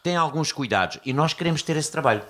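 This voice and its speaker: A man with a European Portuguese accent, a band member chatting casually in an interview and explaining things in an animated way. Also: fairly high pitch, fast talker.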